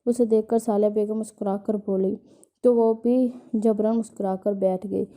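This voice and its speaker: A woman narrating a storybook in a steady, unhurried reading. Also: mid-range voice.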